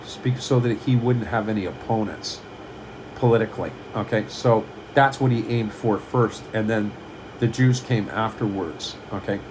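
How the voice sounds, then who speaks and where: A man's voice: lowish voice, background noise. A man giving a lecturing monologue, reading items from a list and repeating them, often asking the listener whether they understand. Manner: repeats himself, asks "do you understand?". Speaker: channel host.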